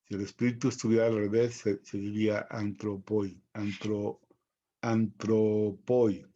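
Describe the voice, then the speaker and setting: A man teaching a recorded Greek vocabulary lesson, spelling out each pronunciation slowly and carefully. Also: fairly low pitch, flat delivery, warm tone, muffled recording.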